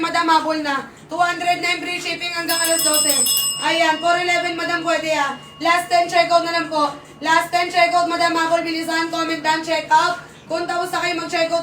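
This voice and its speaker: Filipino woman, very high voice, bright and sharp, almost shouting, echoey room, off the phone mic. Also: distant mic, slight background noise. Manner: loud, near-shouting, urgent and repetitive. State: losing her voice. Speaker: live-selling host. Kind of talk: fast live-selling sales pitch.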